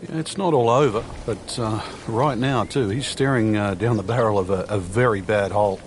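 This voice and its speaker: A man's voice: fairly low pitch, normal speed, a little hiss or hum, natural voice. A man working as a golf analyst in a video game, explaining play in an easygoing, conversational commentary style. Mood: easygoing, analytical.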